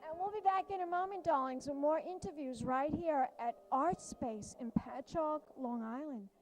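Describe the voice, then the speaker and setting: A woman's voice: high-pitched, moderate pace, low-quality recording. A woman hosting an interview show with campy, theatrical drag-queen showmanship.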